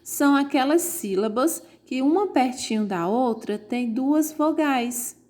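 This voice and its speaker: A woman teaching an online grammar lesson, explaining slowly and pointing out examples on screen. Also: high voice, lively intonation, a little mellow.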